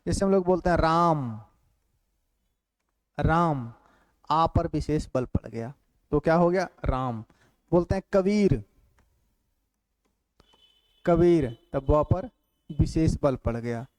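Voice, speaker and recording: A man teaching a grammar class who repeats phrases slowly for note-taking and keeps asking quick check questions. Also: on the high side, expressive, a little mellow, dry recording. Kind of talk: classroom lecture.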